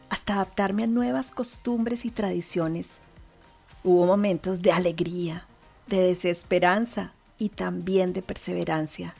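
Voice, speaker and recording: Woman doing a podcast monologue, big dramatic delivery, soft music underneath. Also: mid-range voice. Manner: warm, emphatic, dramatic delivery. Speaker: podcast host. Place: abroad in the United Kingdom.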